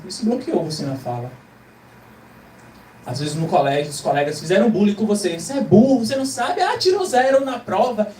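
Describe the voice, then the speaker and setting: Emphatic Brazilian preacher in an echoey hall. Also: male voice, sits high, a little mellow, a little hiss or hum. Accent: Brazilian Portuguese. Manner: emphatic, rhetorical questions, acts out quoted voices. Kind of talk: motivational sermon to a live audience. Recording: echoey hall, distant mic, faint ambience.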